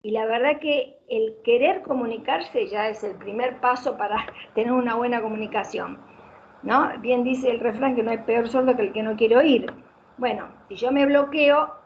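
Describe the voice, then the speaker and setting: A middle-aged woman with a Rioplatense Spanish accent giving an online lecture on public speaking, leaning on pitch changes for emphasis. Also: moderate pace, slight background noise. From Argentina. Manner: didactic, varies pitch widely for emphasis. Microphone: video call. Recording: muffled video call audio.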